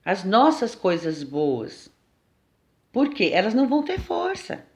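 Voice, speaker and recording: A woman with a Brazilian accent giving an informal spiritual lesson in a conversational, lively way, often checking in with her listeners. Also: medium pitch, a little slow. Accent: Brazilian Portuguese. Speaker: teacher at a spiritual temple.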